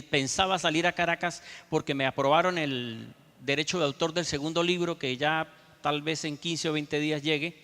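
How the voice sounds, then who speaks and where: A man's voice: a little high, bright, forceful tone, big-room sound. A man preaching a sermon as a pastor, telling a personal story and speaking directly to the congregation. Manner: storytelling, addresses the congregation as brothers.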